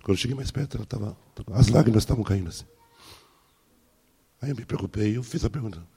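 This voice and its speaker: A man's voice: fairly low pitch, quick pace, vocal fry, husky. A man, a pastor preaching a sermon and telling personal stories, acting out the dialogue. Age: 60s. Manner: storytelling, acting out dialogue with soft laughs.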